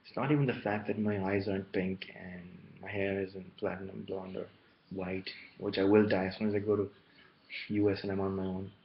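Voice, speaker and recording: Gravelly man rambling on a lo-fi recording. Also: deep voice, flat delivery, a little fast. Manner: meandering, jumping between topics. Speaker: vlogger. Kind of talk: rambling solo monologue. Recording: muffled lo-fi with faint hiss.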